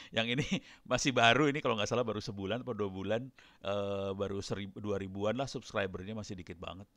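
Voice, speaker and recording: A man's voice: on the low side, brisk, a bit bright, no room sound. A middle-aged man giving a casual, chatty lecture to students while demonstrating on screen, often laughing between points. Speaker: guest lecturer.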